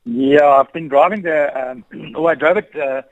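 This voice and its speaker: A man with a croaky morning voice, chatting easygoing as a motoring guest on a radio interview, full of fillers. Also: fairly high pitch, normal speed, no echo, lo-fi sound. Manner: easygoing, rambling, frequent fillers. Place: at home on a couch.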